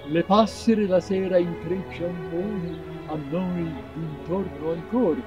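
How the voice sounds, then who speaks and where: A man's voice: high voice, unhurried, dull audio, music in the background. A man playing a wistful old poet. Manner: declaiming verse, then polite courtly questions. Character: old 19th-century male poet, wistful and courtly. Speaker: actor in a short film. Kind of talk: amateur theatre acting.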